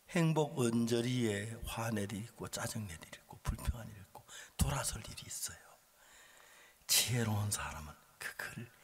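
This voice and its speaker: A male pastor preaching a sermon, telling stories dramatically and dropping from shouts to hushed whispers. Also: medium pitch. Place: large church or seminar hall. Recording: long hall reverb.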